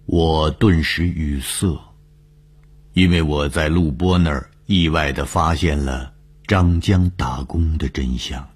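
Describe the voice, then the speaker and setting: A man narrating a suspense story in measured, deliberate audiobook style. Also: very deep voice, fairly even intonation, breathy edge.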